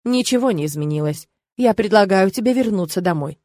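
A woman voicing a mocking, menacing male demon in an audiobook, speaking with calm, smug sneering. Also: medium pitch, a little fast, no echo, studio quality, natural voice. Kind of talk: audiobook character reading.

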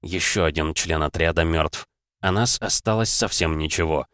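A man narrating a fantasy story in first person, steady and even. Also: extremely low pitch, normal speed, no echo, clean studio sound. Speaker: audiobook narrator.

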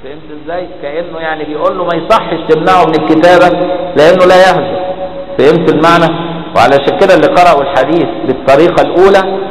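A man's voice: on the high side, steady tone, very fast. A man with an Egyptian Arabic accent teaching a classical religious text in a colloquial lecture, often asking his listeners rhetorical questions to check they follow. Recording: echoey hall reverb, faint background noise.

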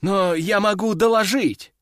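A man voicing a panicky young duty soldier who squeals his reports in a shrill voice. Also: unhurried, fairly bright tone, dry recording, clean studio sound. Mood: panicked, shrill.

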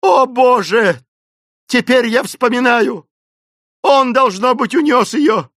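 A man's voice: takes it slowly, a bit bright, no room sound, studio quality, exaggerated voice. A man voicing a terrified, hysterical elderly woman servant in an audiobook, wailing and pleading. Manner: shrill wailing pleas, sobbing cries. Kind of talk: audiobook character voice.

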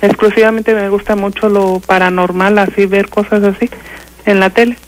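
An older woman with a Mexican accent, calling in to a radio show and haltingly telling a ghost story, full of fillers and restarts. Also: medium pitch, fairly even intonation, low-quality recording. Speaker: caller.

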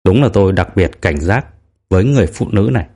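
A man reads as a young man in an audiobook, earnest and a bit guarded, with a somewhat low voice. He speaks plainly and carefully, weighing each word. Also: animated, fast talker, dark tone, breathy edge, full character voice. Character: young man, wary and candid. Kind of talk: audiobook character reading.

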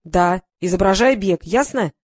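A woman voicing a bossy male film director who yells commands on set. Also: medium pitch, measured pace, no echo, clean studio sound, close to an everyday voice. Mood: yelling, impatient. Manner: yelling commands.

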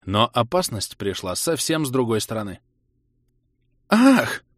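A man narrating a first-person audiobook in an expressive, measured storytelling manner. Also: fairly low pitch, no room sound, clean studio sound.

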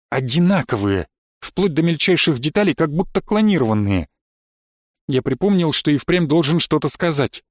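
A man narrating a first-person story in a measured storytelling voice. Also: on the high side, dry recording, clean studio sound.

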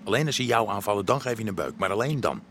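An actor playing a bossy, blunt leader of a crew of toughs in a radio drama. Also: male voice, lowish voice, very animated, fast, fairly bright tone, slight background noise. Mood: tense, controlled. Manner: commanding, blunt. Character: bossy, pragmatic male leader of a thug crew.

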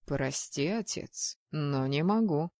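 A woman voicing a young male mage who speaks softly with gentle irony. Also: low voice, animated, takes it slowly, no echo, studio quality, voice pushed down, full character voice. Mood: calm. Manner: soft, gently ironic.

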